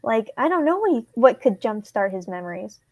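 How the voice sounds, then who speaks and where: A woman voicing a worried teenage boy, reading a fan script aloud in an earnest, hushed way. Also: a little high, sing-song, fairly quick, dry recording. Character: worried teenage boy confiding about a friend.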